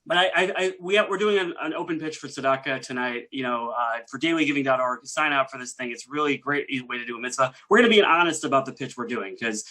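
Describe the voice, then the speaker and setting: A man's voice: medium pitch, fast, few pauses, pushed and bright, poor audio. A man doing a rambling, self-deprecating stand-up set over a video call. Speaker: stand-up comedian.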